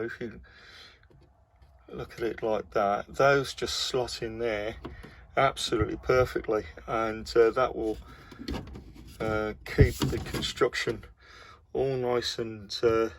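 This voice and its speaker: A man's voice: mid-range voice, a little mellow, slight background noise. A man with a Birmingham accent talking casually about his model build in a home workshop, with many ums and uhs. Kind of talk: casual video diary.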